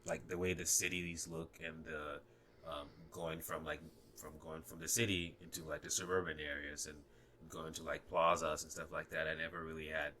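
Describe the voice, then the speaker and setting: Delivering his words flatly at a moderate pace, this young Ghanaian guest, a native Ga speaker, hesitates through a casual podcast chat with plenty of fillers and restarts. His very low voice is bright and forceful, with a slight Ghanaian accent and slight background noise.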